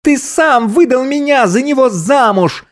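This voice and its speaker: A man's voice: high-pitched, expressive, moderate pace, a little mellow, pitched above the performer's own voice. A man voicing a furious grown daughter in an audiobook, screaming bitter accusations. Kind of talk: audiobook character voice.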